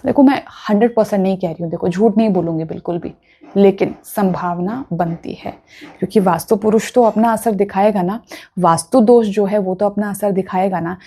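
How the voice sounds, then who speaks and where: A woman's voice: mid-range voice, a little fast, dark tone, breathy edge. A woman vastu consultant giving earnest, instructive advice straight to her viewers, often checking that they follow. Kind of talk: direct-to-camera advice talk.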